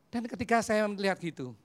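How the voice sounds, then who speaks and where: Preacher, fifties, Javanese accent; humorous storytelling sermon, acts out dialogues, mixes in English. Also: mid-range voice. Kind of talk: humorous sermon with personal stories.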